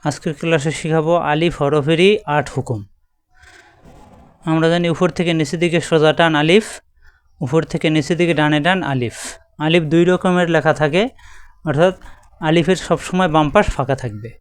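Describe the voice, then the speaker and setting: A man with a Bangladeshi Bengali accent teaches a Quran reading lesson step by step, patiently repeating each letter. His voice is somewhat high and very smooth. It is recorded close and dry, with no room sound. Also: normal speed, pauses often, no room sound.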